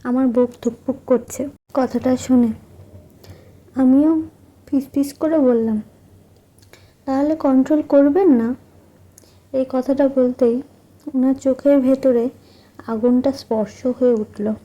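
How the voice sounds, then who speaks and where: A woman narrates a romantic story in the first person, in a soft, intimate and measured way. Her voice sits high but sounds deeply warm and mellow, never sharp. She reads like a storyteller drawing the listener close. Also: fairly even intonation, muffled recording.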